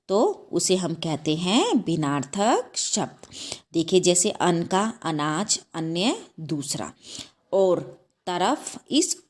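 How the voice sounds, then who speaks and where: A woman teaching a class of young children, explaining slowly and patiently, often checking understanding with a rising "okay?". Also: a little mellow. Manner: repeats "ठीक है?" with a rising pitch, asks children questions; slow, patient, self-correcting. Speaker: school teacher. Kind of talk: slow explanatory class lesson.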